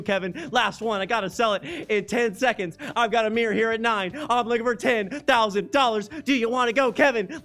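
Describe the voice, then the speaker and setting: A man calling a live charity auction, energetic and loud, counting down bids. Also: very high-pitched.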